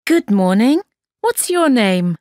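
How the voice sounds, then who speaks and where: A woman reading scripted classroom dialogue slowly and carefully. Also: on the high side, sing-song, a little mellow, no room sound, studio quality. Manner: slow, careful, over-articulated. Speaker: textbook dialogue voice.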